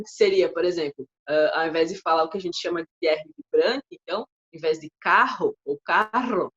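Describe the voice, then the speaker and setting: A woman in her thirties from southern Brazil, co-hosting a casual chat and telling a story in a chatty, animated way. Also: fairly high pitch. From far west of Santa Catarina, Brazil. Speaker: co-host. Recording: dull lo-fi audio.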